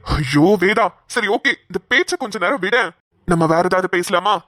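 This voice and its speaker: A woman's voice: medium pitch, expressive, moderate pace, a bit bright, dry recording. A patient young husband in a cartoon, played by a woman who keeps coaxing and reassuring his wife. The voice sits at an ordinary middle height. It sounds dry and close to the mic. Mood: soothing. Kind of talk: Tamil cartoon drama voice acting.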